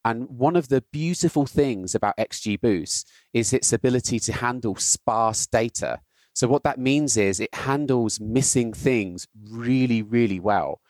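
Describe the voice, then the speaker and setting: A man's voice: medium pitch, unhurried, a little mellow, no echo. British male guest, explanatory podcast chat, tags points with "right?", dead-dry mic. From Britain. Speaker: guest, health data scientist. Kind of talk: casual podcast conversation.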